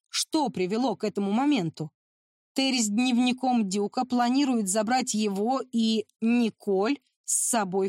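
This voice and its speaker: A woman reading a tense adventure novel as an audiobook narrator, in steady storytelling. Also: fairly high pitch, dry recording, clean studio sound.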